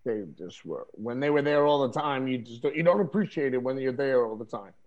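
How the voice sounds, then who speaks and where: A man's voice: medium pitch, animated, brisk, darkish tone, muffled recording. A man talking casually over a video call in a streetwise, emphatic way, often asking "you know what I mean?". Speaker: interview guest, wrestler.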